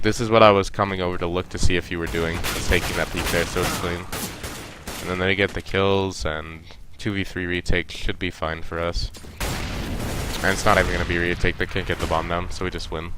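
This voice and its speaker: A low-voiced young man with a stuffy nose speaks over background noise. As an esports coach, he reviews his team's match casually and gives the players direct coaching.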